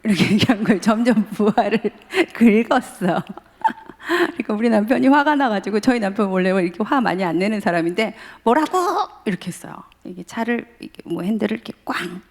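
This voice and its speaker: Middle-aged woman preaching to a congregation, a bit gravelly, chatty storyteller. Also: mid-range voice, fairly quick, long reverb tail. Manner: storytelling, addressing the congregation directly. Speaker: guest speaker, professor. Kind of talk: sermon at a dawn revival service.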